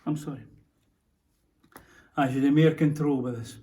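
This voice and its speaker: A man with a Scottish accent playing a haunted soldier in a theatrical monologue, telling his story in a halting, stammering, emotional way. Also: medium pitch, steady tone, mellow, close to an everyday voice. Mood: bitter. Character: Scottish soldier recounting a prisoner's execution, haunted. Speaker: stage actor. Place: theatre stage.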